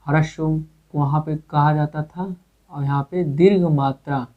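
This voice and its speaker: A man's voice: fairly high pitch, steady tone, measured pace. A male teacher giving a grammar lesson, asking questions and answering them himself with many repetitions. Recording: tinny phone-like recording.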